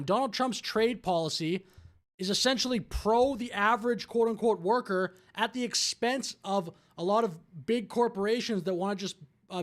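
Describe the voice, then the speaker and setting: A man hosting a political reaction video, arguing his points in an exasperated, argumentative way. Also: sits high. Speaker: commentary host.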